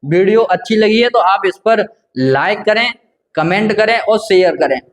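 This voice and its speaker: High-voiced man teaching patiently. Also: lively intonation, moderate pace. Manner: patient, repetitive, asks and answers his own questions. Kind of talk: grammar lesson explaining at a board.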